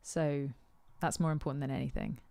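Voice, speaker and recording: A woman's voice: sits low, fairly even intonation, fairly quick, vocal fry, mellow, dry recording, studio quality. A woman musician answering her supporters' questions in casual chat, thoughtful and hesitant with many ums and uhs.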